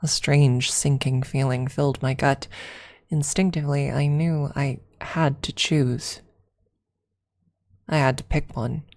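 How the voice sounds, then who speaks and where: A woman reads a first-person story aloud as ASMR in a creaky bass voice. She goes softly and deliberately, using dramatic pauses and some near-whispered phrases.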